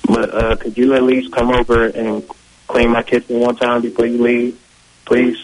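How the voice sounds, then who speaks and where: A man's voice: medium pitch, monotone, normal speed. A man taking a call and talking in a laid-back, mumbling, evasive way. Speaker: prank call target. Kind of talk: phone call. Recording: phone line.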